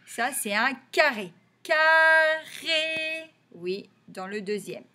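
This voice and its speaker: This French early reading lesson for young children comes from a woman with an expressive, sharp-toned voice at medium pitch, speaking a little slowly. Patiently, she repeats each word and emphasizes its sounds.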